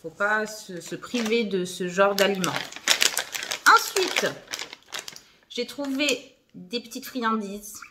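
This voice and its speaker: A woman's voice: mid-range voice, unhurried, heavy background noise. A young woman chatting casually through a shopping haul video at home, full of fillers and little laughs. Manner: chatty, filler-heavy, giggly asides. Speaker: vlogger.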